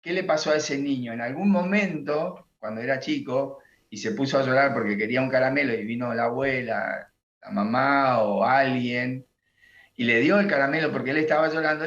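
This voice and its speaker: A man coach comes through a roomy, muffled remote line, his voice sitting on the high side for a man. He talks in a reflective, unhurried way and keeps tagging his points with a questioning aside. His tone is that of a guest explaining ideas from his practice. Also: a bit bright. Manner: reflective, unhurried, often adds a questioning tag. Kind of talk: reflective conversation.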